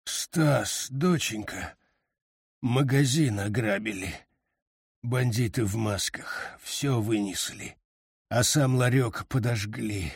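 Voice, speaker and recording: A man voicing a frightened, breathless 65-year-old father who mumbles quietly. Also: medium pitch, very animated, measured pace, husky, no echo, clean studio sound, exaggerated voice.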